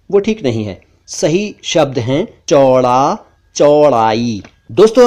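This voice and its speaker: Man, language teacher, measured slow delivery, slightly high voice, repeats each word. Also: a little mellow. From India. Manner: slow, deliberate, repeats words carefully. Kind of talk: pronunciation lesson narration.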